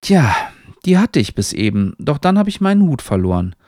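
Storybook man, limping and grumbly, lively and pressing, voiced by the reader. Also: medium pitch, normal speed, no echo, studio quality, voice pushed up, close to an everyday voice. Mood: rueful.

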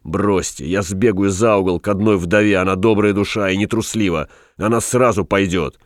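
A practical, insistent prisoner, voiced by a man reading the story, pressing his point without raising his deep voice much. The recording is dry. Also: fairly even intonation, moderate pace, dry recording, natural voice.

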